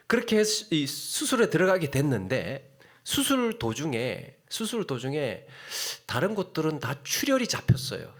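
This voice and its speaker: A middle-aged man preaching a sermon as a pastor, telling a story with sudden hushed drops and sharp rises for emphasis. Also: on the high side.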